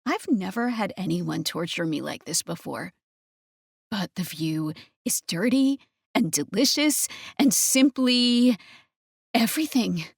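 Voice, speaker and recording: A woman narrating a first-person romance audiobook in a breathy, intimate manner. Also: mid-range voice, animated, takes it slowly, no echo, clean studio sound.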